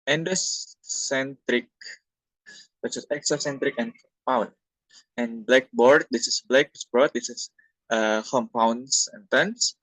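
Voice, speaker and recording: A young man from Indonesia, a university student presenting a class talk from slides in a halting, plain explanatory way. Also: medium pitch, a bit bright, no echo, poor audio.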